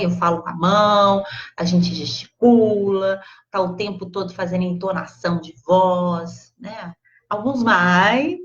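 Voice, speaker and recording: A Brazilian woman with a Brazilian Portuguese accent giving a casual, expressive live class, chatting directly to her audience. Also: medium pitch. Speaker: psychologist teaching a live class. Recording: slightly dull lo-fi livestream audio.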